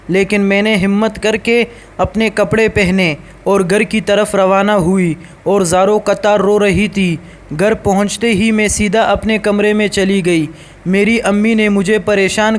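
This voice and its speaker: A man reading a scripted story aloud in a steady, even storytelling voice. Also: sits high.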